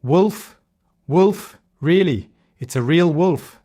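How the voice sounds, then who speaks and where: A man voicing a playful, mischievous young shepherd boy in a children's storybook, shouting in a raised voice. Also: moderate pace, dry recording, studio quality, close to an everyday voice. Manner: shouting, giggling, high-pitched.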